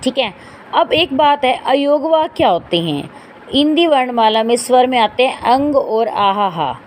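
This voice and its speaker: A woman's voice: sits high, lively intonation, measured pace, slight background noise. A woman teaching a grammar lesson to students, spelling out sounds one at a time and often checking in with them. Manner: often checks in with "theek hai" and "dekhiye". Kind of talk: online Hindi grammar lesson.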